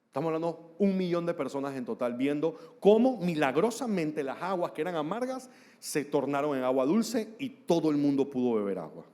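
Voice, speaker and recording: Pastor preaching in an echoing hall. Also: male voice, fairly high pitch, sing-song, moderate pace, warm tone. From Panama. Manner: storytelling with humor and acted-out dialogue. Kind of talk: sermon. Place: large church hall. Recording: long hall reverb.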